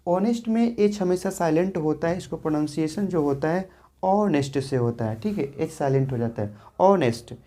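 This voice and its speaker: A woman's voice: deep voice, mellow. A woman teaching English grammar in a classroom lesson, asking questions and answering them herself, often checking with "theek hai". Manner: explains patiently, asks and answers her own questions.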